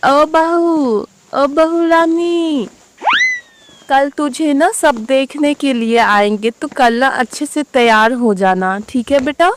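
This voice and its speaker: A woman voicing a patient middle-aged mother-in-law in a cartoon story, who scolds her daughter-in-law gently. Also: sits high, slow. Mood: scolding.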